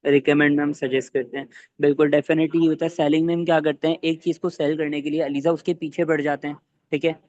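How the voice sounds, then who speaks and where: A man leading an online training session for his team, talking fast and quizzing listeners with either-or questions. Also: fairly high pitch, little pitch movement, darkish tone, dry recording, muffled recording.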